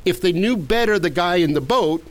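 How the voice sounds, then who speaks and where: A man's voice: sits high, expressive, moderate pace, low-quality recording. A man preaching a sermon as pastor, earnest, often stumbling and repeating the first words of his sentences.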